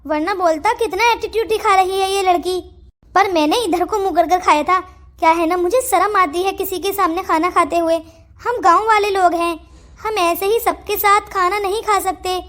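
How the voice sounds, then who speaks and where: A woman's voice: extremely high pitch, normal speed, fairly bright tone. A woman voicing a shy, humble village girl in a cartoon story who speaks politely and apologetically.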